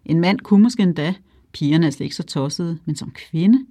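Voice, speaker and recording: A narrator voicing a crude, cocky young male sailor, rising high when he mocks. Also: expressive, warm tone, no room sound, clean studio sound. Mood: mocking. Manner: crude, mocking.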